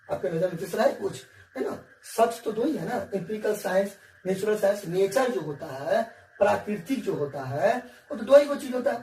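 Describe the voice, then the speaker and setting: Guy teaching at a whiteboard, high mellow voice, keeps repeating stuff, echoey room, mic a bit far. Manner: repetitive, coaxing, keeps checking with "ठीक है". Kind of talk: whiteboard science lesson. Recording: echoey room, distant mic, faint hiss.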